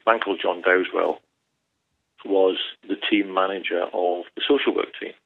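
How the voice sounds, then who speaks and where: A man's voice: sits low, steady tone, normal speed, gravelly. A man in his sixties, an interview guest, telling a wry, rambling story and correcting himself as he goes. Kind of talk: relaxed anecdotal storytelling. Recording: tinny phone-line sound.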